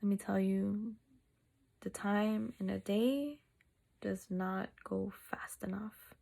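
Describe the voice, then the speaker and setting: Slow, very creaky woman, sore after wisdom teeth surgery. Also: medium pitch, fairly even intonation, dark tone. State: sore mouth, recovering two days after wisdom tooth surgery; tired. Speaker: vlogger. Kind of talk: casual personal vlog update, chatty.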